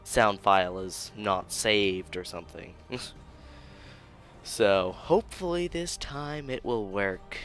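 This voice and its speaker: Laid-back low-voiced young man, soft music. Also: slow pace. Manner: laid-back and self-deprecating, chuckles often, tired from rerecording. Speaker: YouTuber narrating a 3D modeling build. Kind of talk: casual screen-recorded commentary.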